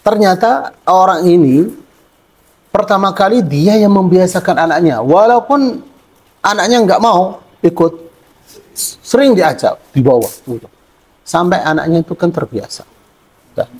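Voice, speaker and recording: A man's voice: high-pitched, lively intonation, moderate pace, pauses often, darkish tone, slightly rough. A man giving a religious study lecture in a conversational, wry way, asking and answering his own questions. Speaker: religious teacher.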